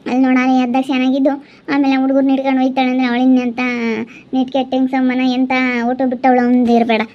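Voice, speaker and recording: A woman's voice: sits high, completely flat delivery, fast. A woman vlogger with a rural Chitradurga Kannada accent, talking in an insistent, urging and consoling way. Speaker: vlogger host. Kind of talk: casual chat and channel sign-off. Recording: dull lo-fi recording.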